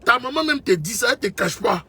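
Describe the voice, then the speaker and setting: Speaking extremely high and fast, this man from Côte d'Ivoire gives a fiery political monologue with lively intonation. His tone is pushed, bright and slightly rough, and as a commentator he keeps hammering his points home, calling the listener brother.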